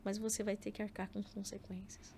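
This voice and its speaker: Brazilian lady on a podcast, middle aged, a bit gravelly, faint hiss behind her, acts out the quotes. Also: mid-range voice, little pitch movement, fairly quick, dark tone. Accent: Brazilian Portuguese. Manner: storytelling with acted quotes and frequent filler words. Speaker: podcast guest. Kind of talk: casual interview chat.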